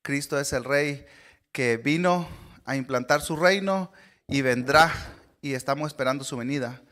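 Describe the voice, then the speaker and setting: A man, preaching an earnest sermon as a guest speaker, often pausing on "eh" and checking in with "¿verdad?". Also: mid-range voice, a bit bright. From Honduras. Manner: earnest, frequent "eh" fillers and "¿verdad?" tag questions.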